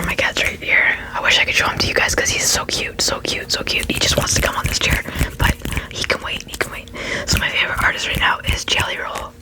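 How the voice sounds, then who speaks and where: An ASMR creator speaking in a fast, breathy whisper, often repeating short phrases while answering viewer questions. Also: low-quality recording.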